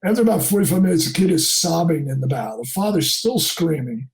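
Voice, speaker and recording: A middle-aged charter fishing captain from New Jersey tells a story in a podcast interview and acts out the people in it. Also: male voice, on the high side, animated, brisk. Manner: acts out quoted people in raised voices.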